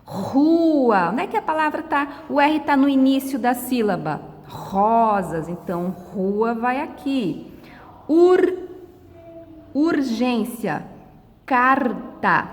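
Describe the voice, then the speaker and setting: In a large hall, a middle-aged woman from Brazil walks a class through a lesson step by step. Her pitch is fairly high, and she explains patiently, stretching each word out.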